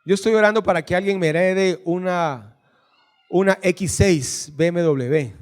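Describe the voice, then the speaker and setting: A male pastor with a Guatemalan Spanish accent preaches in a church. His voice sits high, and he takes his time, drawing out each item of a scripture list and teasing the congregation in between. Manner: reads scripture lists slowly, jokes with the congregation. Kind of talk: sermon. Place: church hall.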